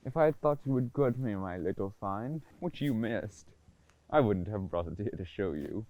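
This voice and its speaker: Guy playing a stuffy indignant vicar dad in an old period play, lowish voice, formal and stern. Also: animated, normal speed, darkish tone, lightly acted. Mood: smug, touchy. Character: stern, touchy Edwardian clergyman and father. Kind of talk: amateur period audio drama acting.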